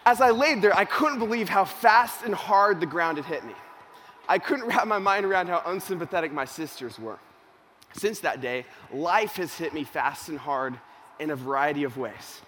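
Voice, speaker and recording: A young man delivers a motivational talk in the manner of an animated storyteller. His voice sits a little higher than most men's, and he moves between loud, excited bursts and hushed, serious stretches. A faint hum of noise sits behind him. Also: normal speed. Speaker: youth organization speaker. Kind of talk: motivational speech with personal story.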